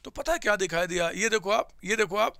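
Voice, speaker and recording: A man's voice: high-pitched, animated, a little fast, creaky, bright, forceful tone, dry recording. A man, teaching a commerce lecture through home examples, asking questions and answering them himself.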